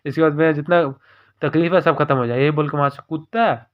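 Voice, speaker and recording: A man narrating a story recap in a rapid, informal retelling. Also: a little high, clean tone, lo-fi sound.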